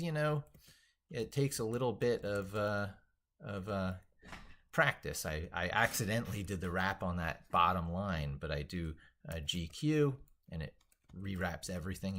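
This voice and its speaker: His voice is low with a fairly bright tone as he hosts a laid-back tech livestream. Thinking aloud at the computer, the educator rambles while working through on-screen material and reading text out.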